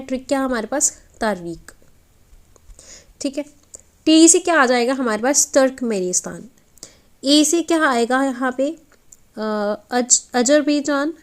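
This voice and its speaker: A woman with a high, bright voice gives an exam-prep geography lecture. She walks through a map and keeps asking questions, then answers them herself. She checks in with her listeners again and again. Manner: question-and-answer teaching, frequent check-ins. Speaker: teacher.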